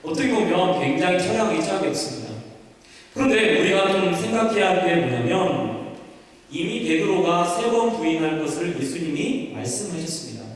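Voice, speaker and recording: A man in the pulpit, preaching in a somewhat high voice while he tells a family story, with repeated words and unfinished phrases. The voice is picked up from a distance and rings out in a big, echoing church hall with a long tail of reverb. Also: lively intonation, moderate pace. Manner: anecdotal, repeats words and trails off. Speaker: pastor. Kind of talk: storytelling sermon. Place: church sanctuary. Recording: echoey church hall, mic from far off.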